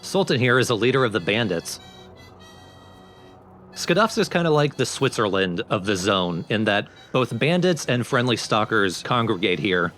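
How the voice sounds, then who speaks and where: A very animated let's play commentator with a lowish, slightly bright voice talks at normal speed, informally explaining the game step by step. Game music plays underneath.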